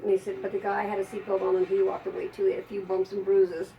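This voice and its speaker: Gravelly older woman telling stories. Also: medium pitch, completely flat delivery, fast, dark tone, far from the mic, rough recording. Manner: chatty, rambling anecdotes with frequent laughs. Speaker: psychic. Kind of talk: storytelling to an audience.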